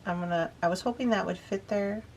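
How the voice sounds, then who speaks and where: In a mid-range, somewhat mellow voice at a fairly quick pace, a woman narrates her beadwork step by step in a chatty, laid-back way. She's a bit sniffly, and slight background noise is audible.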